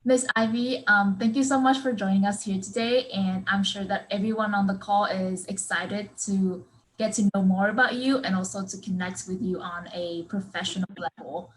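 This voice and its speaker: A woman's voice: mid-range voice, fairly even intonation, normal speed, low-quality recording. A young woman moderating a Q and A on a video call, polite and partly scripted, with many likes and ums. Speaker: student moderator.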